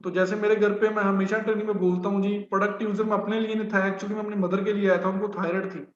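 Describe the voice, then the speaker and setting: A man's voice: high voice, little pitch movement, quick pace. A man gives a business training talk, speaking conversationally with many fillers. The recording is roomy and dull.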